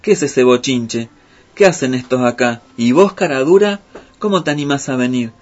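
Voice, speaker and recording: A man's voice: medium pitch, unhurried, slightly rough. A man voicing a vain, bossy female spider healer who scolds and gives orders. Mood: indignant. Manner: scolding, commanding. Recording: muffled with faint music.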